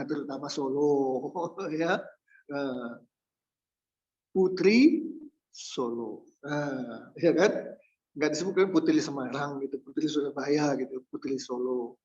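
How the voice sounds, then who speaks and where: Male pastor, somewhat high voice, joking sermon delivery, dull lo-fi recording. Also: measured pace. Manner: humorous, lively, acts out quoted voices.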